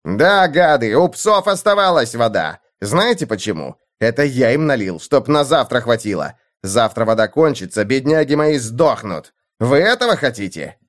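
A man voicing a brash, cruel young lord in an audiobook, shouting, bullying and gleeful. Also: medium pitch, big pitch swings, moderate pace, natural voice. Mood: raging. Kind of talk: audiobook character voice.

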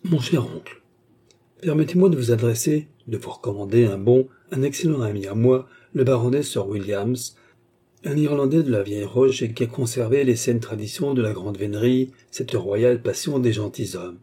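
A melancholy young nobleman, performed by a male reader speaks with formal, gracious courtesy. His voice is dark and husky. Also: mid-range voice, normal speed, natural voice.

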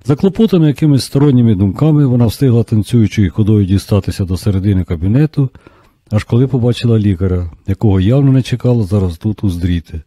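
A man reading an audiobook as narrator in a steady, even scripted narration. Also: fairly low pitch, fast, no room sound.

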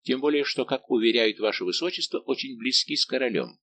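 A man's voice: medium pitch, animated, brisk, a bit bright, close to an everyday voice. A man reading an audiobook, voicing a devoted young nobleman count who speaks with respectful firmness. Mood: earnest.

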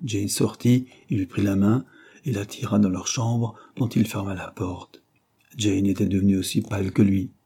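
A man narrating a novel in a measured, steady storytelling way. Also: lowish voice, husky. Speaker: audiobook narrator. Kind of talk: scripted narration.

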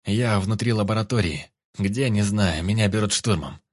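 A man voicing a brash, cornered male fugitive who talks roughly and mockingly. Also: on the low side, normal speed, lightly acted.

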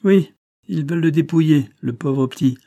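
A man's voice: medium pitch, moderate pace, warm tone, breathy edge, dry recording, studio quality, natural voice. A man voicing an agitated, indignant middle-aged grocer who blusters and repeats himself in a storybook reading.

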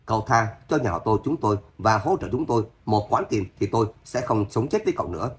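A man's voice: on the low side, very animated, fast. A man reading as a stern old matriarch. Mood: defiant threat. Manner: resolute, threatening.

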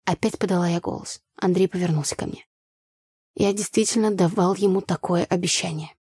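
A woman narrating a first-person audiobook story with an even, storytelling delivery. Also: lowish voice, brisk, husky, no echo, studio quality.

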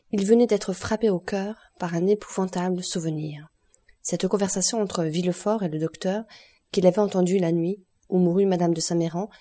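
A woman narrating a classic novel for an audiobook, with a steady, expressive delivery. Her voice is lowish, dark and mellow, with a slight huskiness.

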